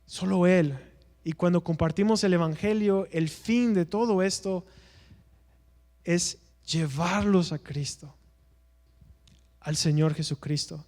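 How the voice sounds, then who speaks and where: High-voiced man teaching in echoing church. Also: slow pace, pauses often, darkish tone. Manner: earnest, asks rhetorical questions and answers them. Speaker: evangelism teacher. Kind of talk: preaching-style church class.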